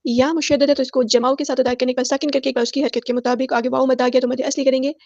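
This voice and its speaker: A woman teaching Quran recitation rules in a patient, step-by-step manner and reciting verses slowly. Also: high voice, level tone, darkish tone, no room sound, lo-fi sound. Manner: patient, explains each rule step by step; drawn-out melodic recitation of verses. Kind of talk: tajweed lesson with slow recitation.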